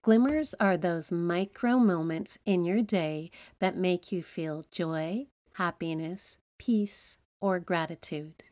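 A woman's voice: lowish voice, slow pace, few pauses, darkish tone, no echo. A middle-aged woman co-hosting a casual podcast chat, recorded inside a small closet, agreeable and chatty. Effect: recorded inside a closet, dry and close. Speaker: podcast co-host.

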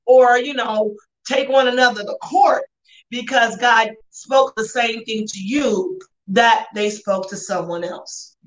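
A woman's voice: a little high, slow pace, low-quality recording. A woman co-hosting a faith talk show, speaking casually with slang and repeating phrases for emphasis. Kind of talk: casual conversational religious discussion.

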